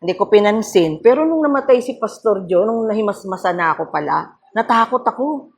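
A woman's voice: mid-range voice, animated, brisk. A middle-aged woman pastor giving a devotional sermon, telling a personal story earnestly and checking in with her listeners as she goes. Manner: earnest storytelling, mixing English phrases, frequent "no?" tags. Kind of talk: devotional sermon at a prayer meeting.

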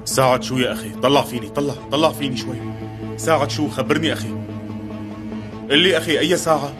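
A man's voice: mid-range voice, fairly even intonation, quick pace, lightly acted. A dubbing actor playing an anxious man, coaxing and pleading with a troubled relative. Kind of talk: dubbed TV drama acting. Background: music.

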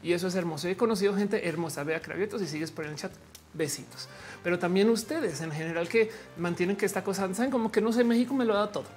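Woman, live-stream host, casual chatter, reads the chat, laughs a lot, somewhat low voice. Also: quick pace, darkish tone, soft background music. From Colombia. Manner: chatty and slangy, laughing often. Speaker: livestream host.

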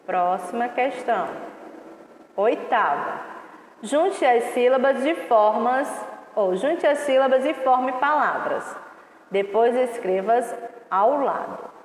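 A woman teaching an online class to young children, sounding out syllables slowly and patiently. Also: fairly high pitch, expressive. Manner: slow, drawn-out syllables, patient and instructive. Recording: echoey room with long reverb.

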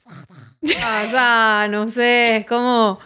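Blunt woman guest with a high voice. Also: flat delivery, sharp tone, smooth. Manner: candid, blunt, sarcastic, drawn-out words. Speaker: guest, adult performer and comedian. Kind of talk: casual interview chat.

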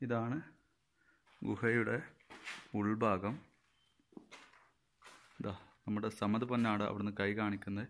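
A man's voice: fairly low pitch, level tone, slow pace, long pauses. A man giving vlog commentary outdoors among rocky forest caves, guiding viewers and warning them to be careful. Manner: cautioning, guiding while walking. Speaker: travel vlogger.

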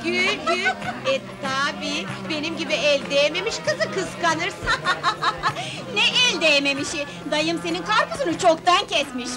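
Cheeky street flower girl, very high lively voice, music under it. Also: normal speed, hardly any pauses, over a noisy crowd. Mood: sassy. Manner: sharp-tongued, teasing. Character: sassy young flower seller. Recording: old film soundtrack with music.

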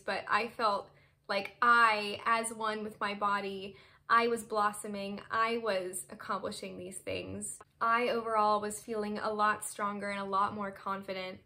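A woman in her twenties chatting to the camera in a casual vlog from her bedroom, expressive and gesturing as she talks. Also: medium pitch. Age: 20s. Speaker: vlogger. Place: bedroom, seated on a bed indoors.

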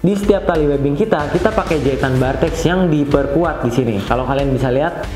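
A man's voice: fairly quick, a little mellow. Chatty young man reviewing gear. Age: young adult. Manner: chatty, slangy, enthusiastic pitch. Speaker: product reviewer. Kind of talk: casual product review. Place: studio with plain blue backdrop. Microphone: lapel mic. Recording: roomy studio echo with music bed. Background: background music.

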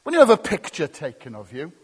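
A man's voice: a little high, huge pitch swings, quick pace, breathy edge. A male pastor preaching a sermon with emphatic, repetitive short phrases and casual asides to his congregation. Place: church. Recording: long church reverb.

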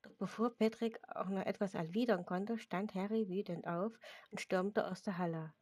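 Dark-voiced woman reading a story aloud. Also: medium pitch, fairly even intonation, normal speed, no echo, clean studio sound. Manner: reads plainly with small slips and restarts. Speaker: storyteller reading her own fan fiction. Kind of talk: read-aloud story narration.

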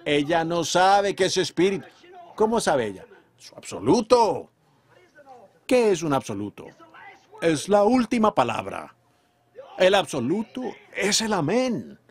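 A man's voice: high voice, husky. A man preaching a sermon in a fervent way, drawing out his emphatic phrases. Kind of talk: sermon delivered in Spanish voice-over.

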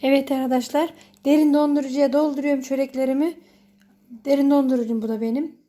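A woman's voice: high voice, fairly even intonation, quick pace, mellow. A woman vlogging at home, chatting casually as she works and adding short prayers. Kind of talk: casual narration while working.

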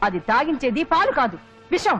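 A woman's voice: high-pitched, sing-song, fairly quick, fairly bright tone. An actress playing a spiteful, scheming mother in a melodramatic film, who scolds, curses and wails theatrically. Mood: venomous. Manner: scolding, cursing, theatrical wailing. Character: spiteful scheming mother, sharp-tongued and bitter. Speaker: mother in a family drama. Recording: dull lo-fi film audio with music.

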